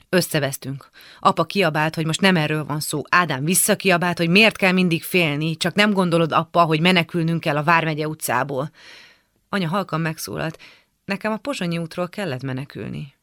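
A woman calmly reading a memoir excerpt aloud in a measured, literary radio style. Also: low voice, vocal fry, no echo, studio quality.

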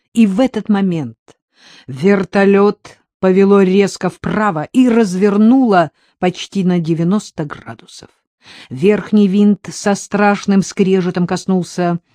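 A man narrating an audiobook in a measured, dramatic reading with swells of intensity. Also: high voice, warm tone, no echo, clean studio sound.

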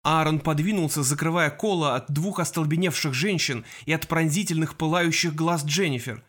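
Man narrating an audiobook, fairly high voice. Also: normal speed, fairly bright tone. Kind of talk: scripted narration.

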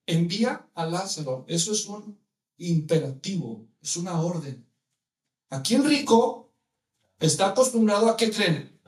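Preacher with a high voice. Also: male voice, unhurried, roomy sound. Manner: animated, asks the listeners many rhetorical questions. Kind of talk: sermon.

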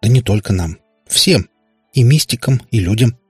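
A man's voice: medium pitch, expressive, moderate pace, slightly rough, no echo, studio quality, soft background music. A man playing a flustered hermit warlock father. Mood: pleading. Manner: flustered, pleading, mumbling.

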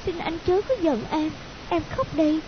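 A man's voice: very high voice, normal speed, pitched above the performer's own voice. A man voicing a tearful, lovesick young woman, pleading through sobs. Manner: sobbing, pleading. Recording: dull lo-fi audio with hiss.

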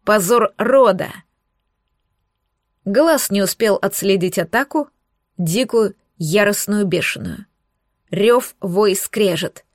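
A woman narrating a fantasy audiobook in the first person, reading in a lively, dramatic way. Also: medium pitch, takes it slowly, dry recording, studio quality.

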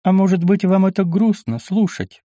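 A male reader voicing a bright, coaxing teenage country girl in a storybook, lifted well above his normal pitch. The sound is dry and close to the mic. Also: expressive, moderate pace, no echo. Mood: concerned. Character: lively teenage village girl, shy but spirited.

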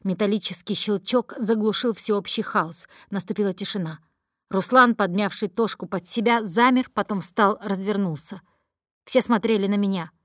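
A woman's voice: medium pitch, moderate pace, fairly bright tone, dry recording, studio quality. A woman narrating a first-person audiobook in a tense, dramatic storytelling manner.

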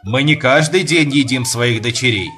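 A man's voice: medium pitch, normal speed, a bit bright, faint music behind, close to an everyday voice. A man voicing a domineering host who turns cruel on his wife, speaking in a commanding, cutting way. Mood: toasting. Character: stern domineering host, father, turning cruel.

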